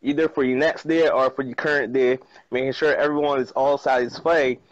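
A man's voice: medium pitch, fairly even intonation, a little fast, no echo. A man in his thirties with a Barbadian accent, speaking casually on a video call from a sunny patio, laughing often and repeating words for emphasis. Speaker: guest, trader and chef. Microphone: earphone mic on a video call. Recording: slightly muffled, dry video-call audio.

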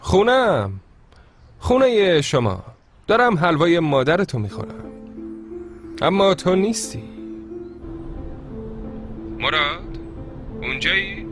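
A man's voice: a little high, sing-song, pauses often, a bit bright, faint music behind. A man dubbing a sarcastic young man who needles and provokes his rival. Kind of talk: Persian dub of a TV series.

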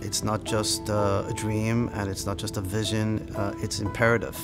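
An older man from Australia, a rabbi, speaking in an interview indoors, halting with fillers and restarts. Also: fairly low pitch, level tone. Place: indoor room. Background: music.

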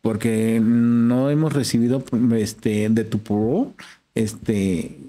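A man's voice: medium pitch, fairly even intonation, slow, warm tone. A man with a Mexican accent, a podcast guest telling a long personal story in casual slang and acting out the dialogue. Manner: slangy, acts out quoted dialogue.

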